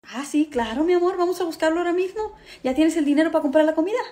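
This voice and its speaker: A woman's voice: very high voice, racing, dark tone. A woman acting out a sarcastic mother who lectures her child in a comedy sketch. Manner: sarcastic, scolding.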